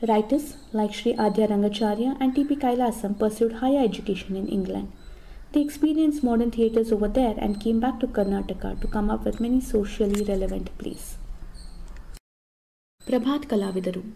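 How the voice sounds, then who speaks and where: A woman in her thirties with a Kannada accent reads a scripted, informative lecture in a formal, measured manner. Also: medium pitch, creaky, dark tone, a little hiss or hum, low-quality recording. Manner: formal, measured reading from notes. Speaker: presenter.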